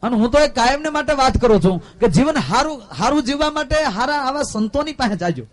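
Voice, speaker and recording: A man with a Saurashtra Gujarati accent telling folk jokes and preaching at a live stage program, rustic and swinging between loud exclamations and soft asides. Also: very high-pitched, animated, a little fast. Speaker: folk storyteller and comedian.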